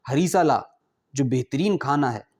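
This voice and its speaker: A man's voice: mid-range voice, a little mellow, lightly acted. Man voicing a coaxing lavish rich host. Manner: insistent, coaxing.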